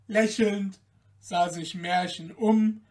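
A woman narrating a fairy tale in a measured, lilting storybook manner, recorded from a distance. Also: mid-range voice, steady tone, a little mellow.

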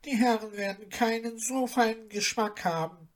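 A woman's voice: fairly high pitch, normal speed, pitched above the performer's own voice, close to an everyday voice. A woman voicing a kindly enchanted goose in a storybook reading, speaking in a soothing, knowing way.

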